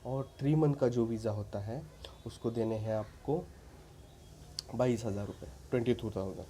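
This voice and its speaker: A man's voice: mid-range voice, moderate pace, dark tone, slight background noise. A man talking casually to viewers, giving practical advice in an earnest, insistent way, often tagging his sentences with an "okay". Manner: informal, repeats "ठीक है" as a tag, frequent restarts. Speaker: vlogger giving visa advice. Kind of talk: casual advice talk to camera.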